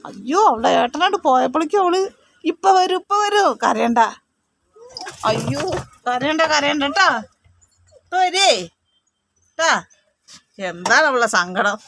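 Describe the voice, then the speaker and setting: A woman's voice: high voice, sing-song, a little slow, pauses often, poor audio. A woman, vlogging on a phone at a veterinary hospital and coaxing her dog in sing-song baby talk. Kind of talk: casual pet-talk vlog. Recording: loud background noise, dogs and traffic.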